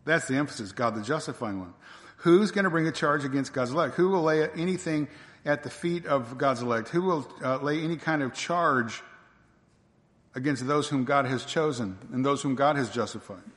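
A man's voice: fairly high pitch, normal speed, a bit bright. A man preaching a sermon, emphatic and fond of repeating rhetorical questions. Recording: long reverb of a large hall.

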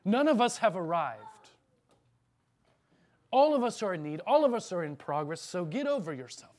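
A man's voice: sits high, sing-song, normal speed, darkish tone. A man preaching an earnest, emphatic sermon as pastor, then leading a prayer in church.

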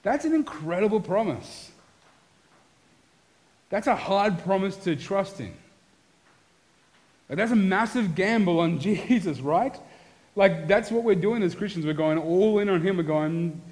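A middle-aged man preaching a sermon as pastor, earnest, moving between animated and hushed passages. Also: high voice, a little slow, pauses often, rough recording.

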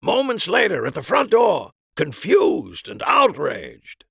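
A man's voice: high-pitched, huge pitch swings, takes it slowly, gravelly, sharp tone, breathy edge, no room sound, pitched above the performer's own voice, full character voice. A man voicing an emphatic amateur sleuth explaining a crime in a mystery story.

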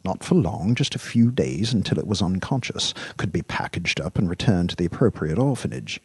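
A man's voice: low-pitched, animated, fairly quick, a little mellow, husky, dry recording, heavily acted. A man voicing a cool, formal male executive who speaks in a clipped, haughty, sardonic way.

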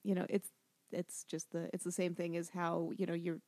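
A woman's voice: lowish voice, completely flat delivery, normal speed, mellow, no room sound. A woman co-hosting a podcast, chatting casually and agreeably, often trailing off with filler phrases. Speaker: podcast co-host. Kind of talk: casual chat.

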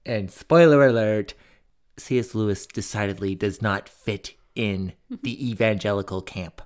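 Joking low-voiced man co-hosting. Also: a little slow. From North America. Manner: joking, sarcastic, mock-dramatic. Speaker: podcast co-host. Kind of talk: casual chat.

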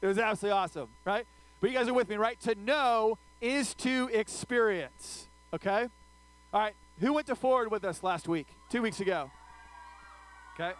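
His voice sits high and moves at a moderate pace on a low-quality recording as this adult youth pastor, older than his teen audience, delivers a relaxed sermon. He keeps checking in with listeners after almost each sentence and acts out his own screaming in funny personal anecdotes.

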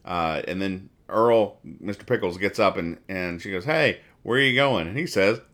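Describing newspaper comic strips on his casual comedy podcast, a low-pitched man with a fairly bright tone explains the jokes. His delivery rambles and halts, pitched in a mock-serious register.

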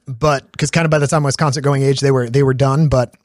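Fast-talking man hosting a podcast. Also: medium pitch, steady tone, no echo, studio quality. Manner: chatty, frequent ums and restarts. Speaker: podcast host. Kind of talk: casual discussion of song lyrics.

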